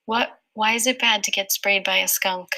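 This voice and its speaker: A woman teacher leading a small-group reading lesson with young children, asking patient, slow questions. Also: mid-range voice, steady tone, sharp tone, rough recording.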